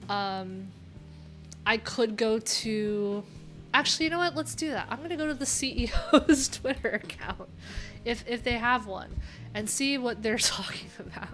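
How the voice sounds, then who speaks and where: A middle-aged woman, a developer hosting a livestream, chats casually while browsing, thinking aloud in a candid, rambling way. Her voice is a little high, expressive, unhurried and a bit bright. She's in a small, cluttered indoor room with music playing.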